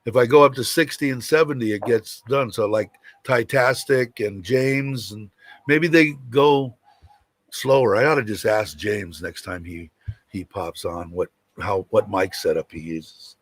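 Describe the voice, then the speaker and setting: A man with a deep, rumbling voice hosting a casual livestream, rambling and hesitant as he chats. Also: unhurried, no echo. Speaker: host of a livestream show.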